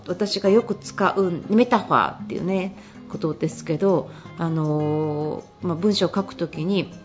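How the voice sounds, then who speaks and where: A woman's voice: medium pitch, lo-fi sound. Chatty woman hosting a radio talk show. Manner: chatty, reads listener mail, many fillers. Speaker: radio host and novelist.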